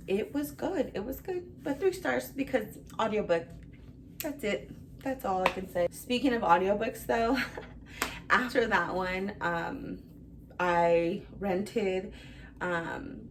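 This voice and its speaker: A woman's voice: lowish voice, slight background noise. A young woman reviewing books in a casual vlog, chatty and rambling, full of fillers and gushing about what she read. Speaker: book reviewer.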